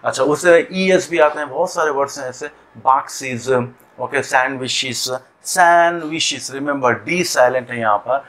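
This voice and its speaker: A man teaching an English pronunciation lesson, slowly repeating and stretching example words as he explains them. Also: mid-range voice, fairly even intonation, fairly bright tone.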